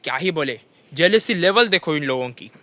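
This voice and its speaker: High, bright-voiced young man telling comic stories. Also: moderate pace, dry recording. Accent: Hindi. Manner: repeats "bhai sahab" constantly, animated storytelling. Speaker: comedian telling funny stories. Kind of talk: stand-up storytelling monologue.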